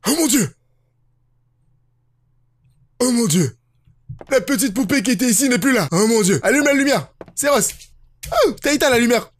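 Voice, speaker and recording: Expressive high-voiced gaming YouTuber playing horror. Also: moderate pace, long pauses. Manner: expressive, jokey, swearing and exclaiming. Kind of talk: horror game let's play commentary. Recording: game music behind the voice. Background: horror game music.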